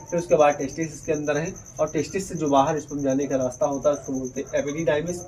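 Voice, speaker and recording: A man's voice: a little high, a little mellow, slight background noise, low-quality recording. Man teaching a biology lesson. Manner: explains step by step, asks and answers his own questions. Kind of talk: whiteboard lesson.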